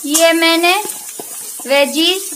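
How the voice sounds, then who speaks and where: A woman's voice: extremely high pitch, steady tone, extremely slow, fairly bright tone, slight background noise, poor audio. A woman hosting a cooking video from her home kitchen, chatting to viewers as friends while she explains each step. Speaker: cooking channel host. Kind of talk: casual cooking tutorial.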